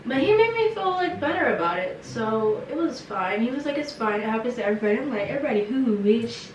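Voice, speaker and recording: A young woman telling a casual storytime, animated and slangy with lots of fillers. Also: a little high, quick pace, noisy background. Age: young adult. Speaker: vlogger. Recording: echoey room, mic some distance off.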